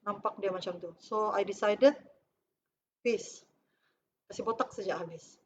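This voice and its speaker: A woman's voice: mid-range voice, unhurried, muffled recording, a little hiss or hum. A middle-aged woman with a Malaysian accent gives a chatty, conversational personal testimonial as a cancer survivor, with frequent fillers. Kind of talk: personal testimonial talk over photos.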